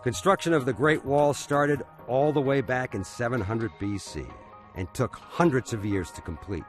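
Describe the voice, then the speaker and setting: A man's voice: mid-range voice, normal speed. A man giving scripted documentary narration as a studio voice-over, with an upbeat, wry storytelling manner. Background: soft music bed.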